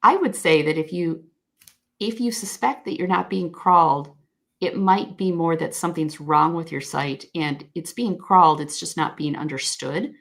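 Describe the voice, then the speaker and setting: A woman's voice: low voice, normal speed, gravelly. A woman speaking as a guest expert on a video call, explaining search crawling in a thoughtful, frank way with frequent self-corrections. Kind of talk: conversational explanation.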